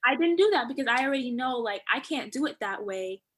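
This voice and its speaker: A woman with a somewhat high voice speaks as a podcast guest. She is emphatic and animated, acting out her inner voice in quick bursts. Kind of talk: casual podcast conversation.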